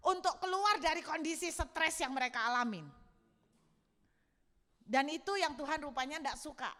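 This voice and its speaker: Bright high-voiced woman pastor preaching. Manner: expressive, humorous storytelling. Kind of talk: sermon. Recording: long hall reverb.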